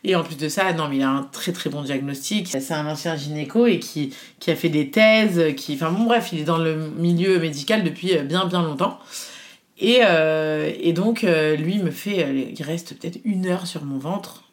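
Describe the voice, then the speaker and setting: A woman's voice: low-pitched, moderate pace. Chatty woman telling a story. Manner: animated storytelling, quoting others, frequent fillers. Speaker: guest telling her birth story. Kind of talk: casual chat.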